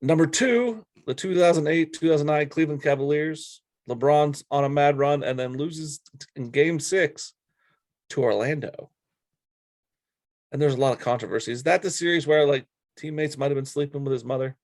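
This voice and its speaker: A man with a fairly high, slightly mellow voice co-hosts a relaxed sports talk show, speaking at a moderate pace with no echo. While counting down a list, he gives his opinions bluntly.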